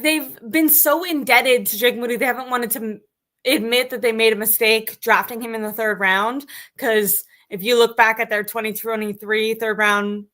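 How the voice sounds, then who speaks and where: Bright-voiced chatty woman sports host. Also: a little high. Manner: chatty, many fillers, reads stats aloud. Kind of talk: casual live-stream sports talk.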